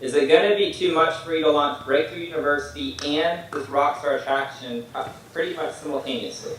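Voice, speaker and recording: A man's voice: fairly high pitch, fairly quick, a bit bright, heavy reverb, far from the mic, slight background noise, low-quality recording. A man in a casual chat, asking direct questions and giving feedback.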